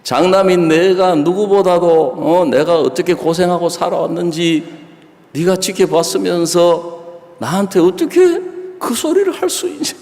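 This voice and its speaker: Male preacher voicing an aging mother, shrill and pleading, gravelly edge, echoey hall. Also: expressive, drawn-out words, few pauses, fairly bright tone, full character voice. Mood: indignant. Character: aging mother, indignant and tearful.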